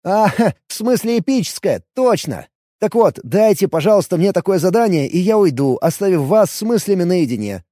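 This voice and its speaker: A man's voice: high voice, very animated, normal speed, mellow, dry recording, clean studio sound, pitched above the performer's own voice. A man voicing a pushy, cheeky young male gamer hero in an audiobook. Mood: insistent. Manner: insistent, cheeky. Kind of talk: audiobook character voice.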